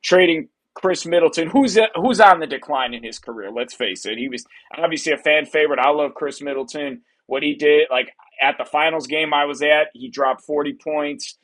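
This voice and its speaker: A man in his thirties from Wisconsin co-hosting a casual sports podcast, talking energetically in quick bursts and laughing often. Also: on the high side, a bit bright. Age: 30s. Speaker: podcast co-host.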